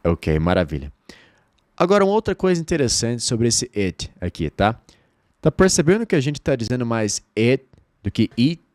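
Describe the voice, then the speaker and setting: A Brazilian man with Portuguese as his first language, teaching an online English lesson and drilling phrases slowly with repetition. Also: mid-range voice, no room sound, studio quality. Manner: lively, drills phrases slowly and repeats them.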